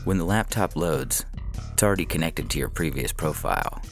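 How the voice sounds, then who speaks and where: A man narrates a scripted science fiction story in the style of an audio fiction podcast, his deep voice moving fairly quickly. Instrumental music plays behind him.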